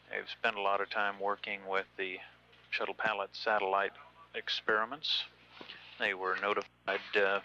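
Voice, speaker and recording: Bright-edged, flat-toned male mission commentator. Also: fairly low pitch. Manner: matter-of-fact, measured explanations. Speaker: mission control public affairs commentator. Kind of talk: live spaceflight status commentary. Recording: slightly noisy, dull broadcast line.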